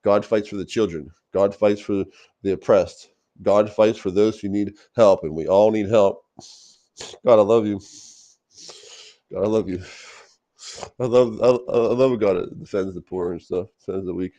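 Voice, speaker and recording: A man's voice: on the low side, fairly even intonation, moderate pace, long pauses, mellow, muffled recording. Rambling man talking while eating. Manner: rambling, repeats and restarts words. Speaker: vlogger. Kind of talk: casual rambling Bible talk.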